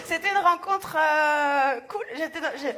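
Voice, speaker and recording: A woman's voice: high-pitched, a little slow. A woman in her forties doing stand-up crowd work and telling stories in a chatty, self-mocking way, laughing often. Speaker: stand-up comedian. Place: theater stage with live audience. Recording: loud crowd and noisy live recording. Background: loud audience laughter.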